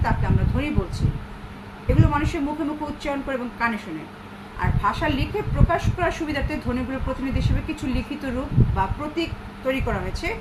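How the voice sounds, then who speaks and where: A woman teaching a grammar lesson, explaining terms in a steady classroom manner. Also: high voice. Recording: loud background noise.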